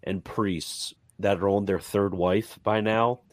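Deep hoarse guy chatting, dry close sound, rambly explainer. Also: steady tone, slow, no echo. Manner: chatty, joking, explains at length. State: hoarse, coughing. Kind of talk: casual group chat.

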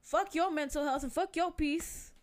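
A woman's voice: sits high, normal speed. A young woman in casual chat, blunt and emphatic, swearing freely and leaning on filler phrases.

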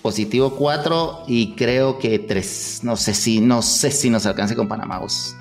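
A man's voice: medium pitch, a little slow, soft background music. A man with a Guatemalan accent co-hosting a podcast, chatting casually and with firm opinions about football. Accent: Guatemalan Spanish. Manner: opinionated, reasons aloud. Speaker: podcast co-host.

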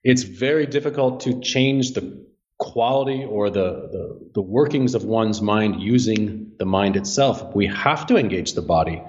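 A man who is an author and Zen teacher, answering interview questions in a measured, earnest way and often repeating words as he thinks. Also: on the low side, muffled recording. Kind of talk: podcast interview.

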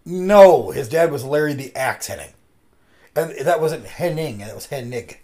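This man hosts a podcast and keeps things casual, wandering from point to point with lots of fillers and plenty of animation. His voice is fairly high, and he speaks at a measured pace.

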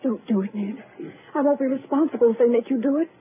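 Scared young heroine, played by a woman, high voice, hissy broadcast. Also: fast talker, natural voice. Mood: pleading. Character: anxious young niece in love. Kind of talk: 1940s radio acting. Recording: noisy tinny old radio broadcast.

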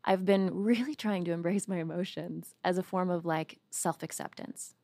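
A woman's voice: on the low side, fairly even intonation, normal speed, dark tone, no echo. A woman chatting casually on a podcast, using lots of fillers and laughing easily.

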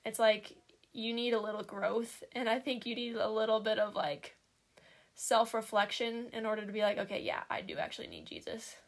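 Young female podcast host, a little high-pitched, chatty and giggly. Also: lively intonation, normal speed, gravelly. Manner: giggly, chatty, says "like" a lot. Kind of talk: casual chat.

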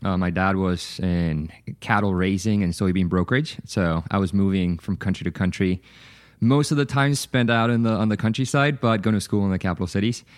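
Deep-voiced man, smooth and dry. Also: brisk, no room sound. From Chile. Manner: relaxed, fluent storytelling with occasional fillers. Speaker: podcast guest. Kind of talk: conversational interview.

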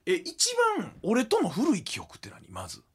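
A young man with a Kansai accent, chatting casually as a podcast co-host and telling stories in an animated way. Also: normal speed, husky. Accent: Kansai Japanese. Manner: animated storytelling with sudden high laughs. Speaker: comedy duo podcast co-host. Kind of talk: casual chat.

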